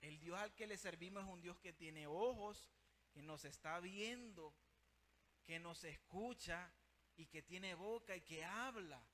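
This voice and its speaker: A man's voice: high voice, unhurried, a bit bright. A man preaching a sermon with fervour, speaking straight to his listeners as brother and sister.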